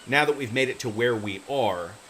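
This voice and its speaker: In his home office, a fiction writer chats on a livestream at a moderate pace, his voice mid-range. His talk wanders and often fades out as he loses his thread, while a steady hiss and room noise run in the background.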